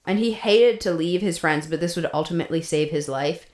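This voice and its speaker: A woman co-hosting a podcast tells the story in a relaxed, chatty way, laughing often and filling her talk with fillers and restarts. Her voice sits lowish with a darkish tone, and she speaks fairly quickly. The recording has a roomy echo and slight background noise.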